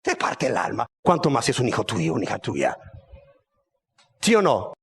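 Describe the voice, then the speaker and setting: A man preaching a sermon dramatically, asking rhetorical questions and swinging from soft to shouting. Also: mid-range voice, wildly swooping pitch, normal speed, husky.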